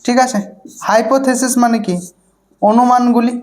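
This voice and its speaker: A man's voice: extremely high pitch, fairly even intonation, normal speed, a little mellow. Bengali-accented male teacher quizzing himself. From West Bengal, India. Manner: asks rhetorical questions and answers them himself; repeats words and often says "okay". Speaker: English teacher. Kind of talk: online exam-prep lecture.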